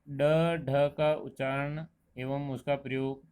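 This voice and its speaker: A man teaching a Hindi grammar lesson, explaining pronunciation slowly and deliberately and drawing out each example word. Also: mid-range voice, level tone, darkish tone, smooth. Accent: Rajasthani Hindi. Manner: slow, deliberate explanation, stretching out example words. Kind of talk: classroom lesson.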